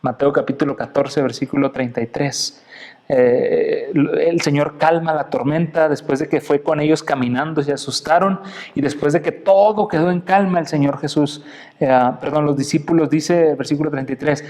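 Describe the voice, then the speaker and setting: Man from Mexico, preacher; lively sermon delivery with pointed questions to listeners, slightly raised pitch. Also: moderate pace. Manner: animated preaching, acting out quotes with big pitch swings; addresses listeners directly with questions.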